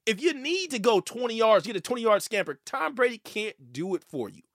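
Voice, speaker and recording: A man hosting a sports talk show, giving animated, opinionated commentary and stammering when worked up. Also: high-pitched, moderate pace, no room sound, studio quality.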